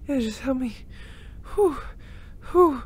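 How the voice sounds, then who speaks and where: A woman voicing a gentle, emotional young male reborn spirit in an audio role-play, breathless and given to nervous sighs and laughs. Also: high-pitched, animated, slow, husky, exaggerated voice. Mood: shaken, relieved.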